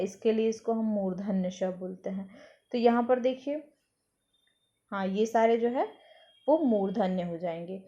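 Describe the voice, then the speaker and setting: Woman teacher, exam-prep grammar lesson, slow and mellow, slightly lo-fi. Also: a little high. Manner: explains patiently, recites rules slowly, asks and answers her own questions.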